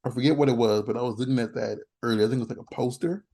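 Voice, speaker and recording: A man hosting a casual interview, talking excitedly with frequent restarts and laughter. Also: mid-range voice, rapid-fire. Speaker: podcast host.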